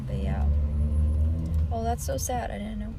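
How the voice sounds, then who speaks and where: A woman's voice: a little high, measured pace, creaky, far from the mic. A woman from China chatting casually with viewers while streaming outdoors on a city street. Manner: chatty, relaxed, laughs often. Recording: outdoor stream with loud traffic noise. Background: loud traffic.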